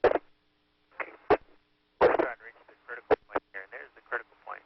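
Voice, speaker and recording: Male astronaut, halting explainer, heard through a tinny sci-fi communicator radio link with faint hiss. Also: medium pitch, creaky. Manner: explanatory, halting with frequent fillers. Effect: crackly space-to-ground radio link, like a sci-fi communicator. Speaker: astronaut aboard a spacecraft. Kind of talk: describing experiments for ground control.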